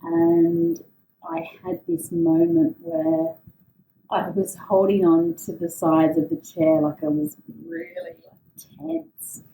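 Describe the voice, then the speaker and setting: A woman with a very dark, soft tone and heavy vocal fry tells a personal story. She is reflective and hesitant, pausing in the middle of phrases. She is recorded a little away from the mic in a roomy space with echo. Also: fairly low pitch, very animated. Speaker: podcast host telling a personal story. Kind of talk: unscripted personal monologue. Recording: roomy echo, distant mic, faint noise.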